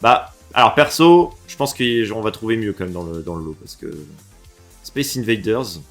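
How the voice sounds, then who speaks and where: A man from France giving casual reaction commentary on video game levels, swinging between low mutters and excited, swearing outbursts. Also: moderate pace, faint music behind. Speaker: reaction streamer.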